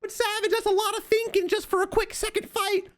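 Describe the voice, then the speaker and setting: A man voicing a doubtful, whiny male viewer in a mocking high voice. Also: little pitch movement, fairly quick, a bit bright.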